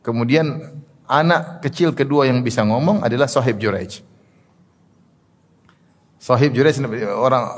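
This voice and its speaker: A male religious teacher gives a study lecture. He explains Arabic terms and tells narrations, often filling pauses with "ya" and "apa namanya". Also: lowish voice, long reverb tail. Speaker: Islamic teacher.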